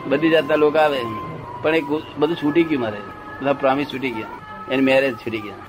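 A man's voice: medium pitch, flat delivery, fast talker, background noise. Older man telling a rambling story. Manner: rambling storytelling, checks listener with questions. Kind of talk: casual anecdotal chat.

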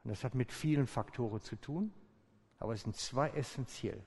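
A man preaching a sermon as pastor, calm and inviting, slowing down with deliberate pauses. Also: medium pitch, breathy edge. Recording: long church-hall reverb.

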